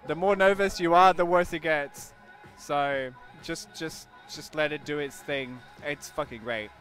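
Man, 30s, interviewee: bright, raised pitch, halting with "uh" and "like", faint music under. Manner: hesitant, filler-heavy, then relaxed. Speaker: street interviewee. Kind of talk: casual street interview. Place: outdoors on a city street at night. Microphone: handheld mic held out by interviewer.

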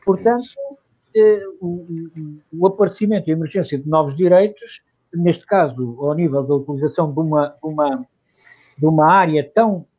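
A man's voice: on the high side, moderate pace, husky, muffled recording. A man as a guest in a live online talk, searching for words and restarting often. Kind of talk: discussion answer.

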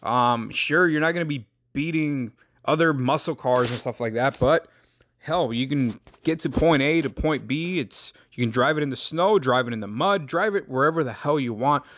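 A man's voice: medium pitch, normal speed, a bit bright, no echo. A young man hosting a casual car video, brash and joking, swearing freely. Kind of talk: casual car review monologue.

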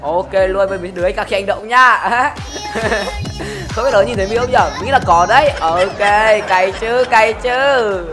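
A woman with a mid-range voice hosts a gaming channel, speaking briskly. Her casual commentary while playing is playful and teasing, she laughs often, and game music plays behind her voice.

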